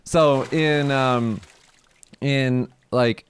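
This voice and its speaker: A man's voice: mid-range voice, steady tone, drawn-out words, clear, resonant tone. A man co-hosting a casual chat show, explaining things to listeners and laughing often. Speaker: podcast co-host.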